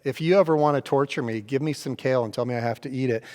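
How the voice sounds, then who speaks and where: A mid-pitched man from Oregon tells stories in an easy, casual church chat. He is animated and slips into other people's voices as he goes. The sound carries a long hall reverb. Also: fast. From Oregon, USA. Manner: animated storyteller, acts out other people's lines.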